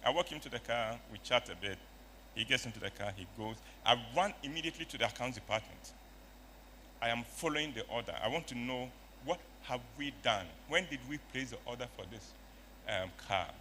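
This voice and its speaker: An older man telling a story at a conference, acting out the dialogue with sudden loud bursts. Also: medium pitch, a little fast, a little hiss or hum. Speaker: motivational speaker. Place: conference stage.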